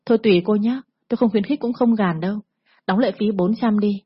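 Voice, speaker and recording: A woman's voice: medium pitch, a little fast, breathy edge, no echo, muffled recording, lightly acted. A woman voicing a blunt, scornful middle-aged female doctor who lectures harshly. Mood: contemptuous.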